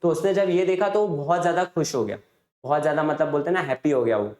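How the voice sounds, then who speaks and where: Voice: mid-range voice, fast talker, darkish tone. A chatty teacher retelling a chapter story. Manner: conversational, asks rhetorical questions. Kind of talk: exam revision lesson retelling a chapter story. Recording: roomy echo.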